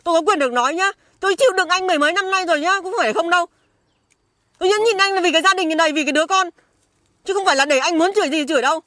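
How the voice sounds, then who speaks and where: A woman's voice: very high-pitched, very fast, bright, forceful tone. A woman with a Northern Vietnamese accent playing a hardworking, defiant wife who scolds her husband insistently outdoors in an orchard, in an amateur skit. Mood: indignant.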